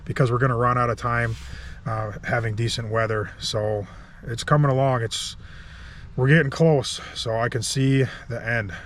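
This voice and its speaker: A man's voice: mid-range voice, fairly bright tone. A man in his thirties, a contractor vlogging casually from an outdoor building site, telling a story with a chatty, laughing manner. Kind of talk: casual vlog talk to camera.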